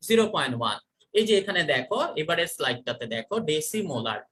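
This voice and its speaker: A teacher leads an online chemistry class and quizzes the students by repeating each question. The voice is bright and clear. The pitch rises and falls freely. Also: sing-song, quick pace.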